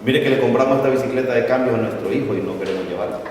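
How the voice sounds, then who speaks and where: A man's voice: medium pitch, very fast, darkish tone. Middle aged guy preaching, acting out the story, big hall echo, faint hum behind. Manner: storytelling preacher, acts out quoted voices, stresses words. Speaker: pastor. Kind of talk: sermon. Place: large church hall. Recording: echoey hall from far off.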